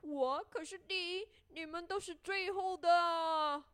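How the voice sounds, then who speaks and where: A cocky little gingerbread man who taunts his chasers in a bouncing sing-song that a woman puts on. His voice is pitched high and sounds dry and close, like a storybook reading. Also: expressive, takes it slowly, smooth, no room sound. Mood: taunting gleeful. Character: cheeky boastful little male gingerbread cookie.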